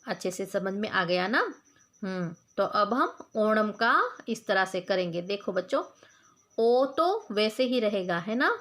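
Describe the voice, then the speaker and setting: A woman teacher talks very slowly and patiently to young pupils. She repeats each point, asks the class questions and answers them herself. She drops in the odd English word and spells words out sound by sound. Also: mid-range voice, animated, a bit bright. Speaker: school teacher. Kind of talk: Hindi grammar lesson for children.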